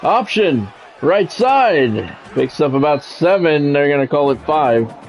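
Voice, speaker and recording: Soft music plays behind a man whose fairly high voice swings widely in pitch as he speaks slowly. A streamer, he does play-by-play of a college football video game like a radio announcer, building up on big plays and dropping out of the call to talk with viewers.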